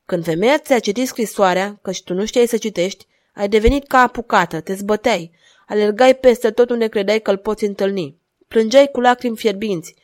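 A woman reading aloud and voicing a cold, relentless duchess who speaks in an insistent, measured way. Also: medium pitch, a little mellow, natural voice.

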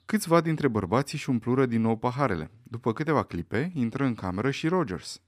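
A man narrating a mystery novel aloud in an expressive, dramatic manner. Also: medium pitch, no echo, clean studio sound. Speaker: audiobook reader. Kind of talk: scripted narration.

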